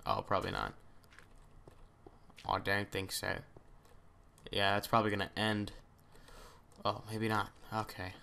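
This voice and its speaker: A man's voice: on the low side, flat delivery, a little slow, creaky, long pauses, pushed and bright, slight background noise. A man hosting a gaming video, chatting casually and thinking aloud as he plays, often trailing off into mutters. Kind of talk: let's play commentary.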